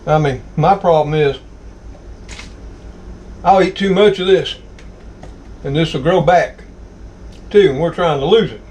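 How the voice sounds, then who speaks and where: A man's voice: fairly high pitch, unhurried, long pauses, darkish tone, a little hiss or hum, poor audio. A man with a Southern US accent hosting a casual home cooking vlog, folksy and exclamatory as he savors his food. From Southern United States. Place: home kitchen.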